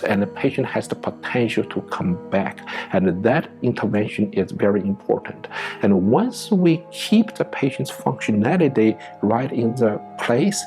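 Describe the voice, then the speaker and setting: A man speaking as a clinician in a documentary interview, measured and explanatory. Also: medium pitch, a little mellow.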